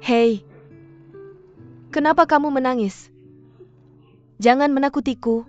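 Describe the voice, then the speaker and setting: A woman's voice: sits high, takes it slowly, darkish tone. A woman dubbing a worried young woman who keeps pressing her close friend with questions. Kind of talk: drama dub. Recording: dull dry studio dub, faint music.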